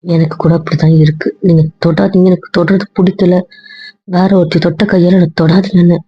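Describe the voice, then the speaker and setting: A woman's voice: on the low side, flat delivery, a little fast, slightly rough, dull audio. A woman playing a hurt young wife who answers curtly, then pleads with her husband. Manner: curt, pleading.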